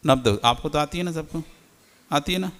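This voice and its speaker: एक पुरुष जैन मुनि प्रवचन दे रहे हैं, श्रोताओं से सवाल पूछकर खुद उत्तर देते हुए, उपदेशात्मक अंदाज़ में।. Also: male voice, on the high side, normal speed, a bit bright. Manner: didactic, asks the audience questions and answers them. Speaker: Jain monk giving a discourse. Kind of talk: sermon. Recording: long hall reverb.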